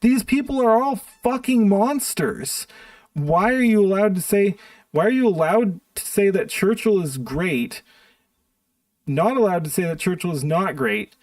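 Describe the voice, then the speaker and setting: A man's voice: high voice, expressive, unhurried, a little mellow, no echo, distant mic. A man streaming live, ranting bluntly and profanely in an exasperated tone. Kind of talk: live-stream commentary rant.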